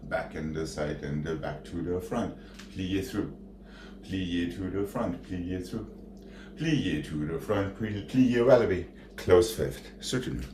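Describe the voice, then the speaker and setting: A man's voice: low-pitched, a little slow, dark tone, slight background noise. A man teaching ballet, calling out steps and counts rhythmically in time with the music. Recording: piano music behind the voice. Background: piano music.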